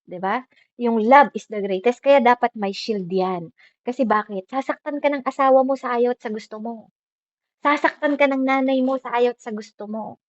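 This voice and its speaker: A woman preacher with a fairly high voice delivers a lively, chatty sermon and keeps checking in with the congregation. The recording sounds dull and lo-fi. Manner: lively, peppers talk with tag questions. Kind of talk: conversational sermon.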